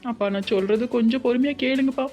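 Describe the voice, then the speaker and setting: A woman's voice: on the high side, quick pace, faint music behind, close to an everyday voice. A woman voicing a young bride who pleads with her parents in a cartoon, with a Tirunelveli Tamil accent. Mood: pleading. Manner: pleading and flat. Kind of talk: cartoon voice acting.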